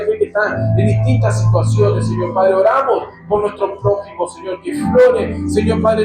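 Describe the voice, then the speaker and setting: Preacher: man with an Argentine accent, high voice, echoey church hall with music behind. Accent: Argentine Spanish. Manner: fervent prayer, repeating "Lord" in nearly every phrase. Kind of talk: sermon and congregational prayer.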